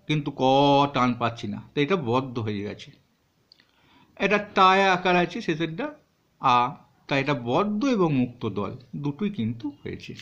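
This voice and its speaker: Male teacher, fairly high and animated voice, patient and step-by-step, muffled lo-fi sound. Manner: patient, spells words out syllable by syllable. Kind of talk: classroom explanation for students. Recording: dull lo-fi recording.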